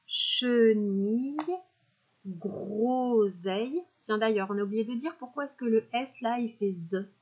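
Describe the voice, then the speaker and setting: A woman primary school teacher giving a recorded spelling dictation, stretching out each word slowly and clearly with patient classroom talk. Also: a little high, a little mellow, muffled recording. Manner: slow, clear over-articulation of words, patient teacher talk.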